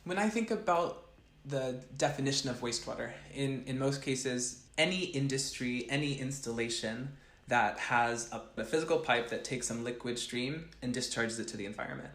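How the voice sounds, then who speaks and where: A man's voice: mid-range voice, a bit bright. Earnest young man in an echoey room. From grew up between West Africa and the US East Coast. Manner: earnest, thoughtful, with frequent restarts. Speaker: chemical engineering professor, guest. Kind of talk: interview answers.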